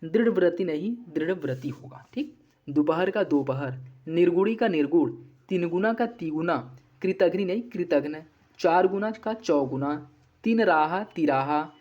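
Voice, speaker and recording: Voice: mid-range voice, lively intonation, darkish tone. Hindi व्याकरण पढ़ाता शिक्षक, धुंधली recording. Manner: quick, drilling corrections in a repeated pattern. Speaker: teacher. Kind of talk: exam-prep grammar lesson. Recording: dull lo-fi recording.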